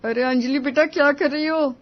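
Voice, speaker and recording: A woman voicing a kind, motherly neighbor in a cartoon story, gentle and reassuring. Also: high voice, steady tone, normal speed, highs cut off, natural voice. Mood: kindly. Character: kindly middle-aged female neighbor, motherly.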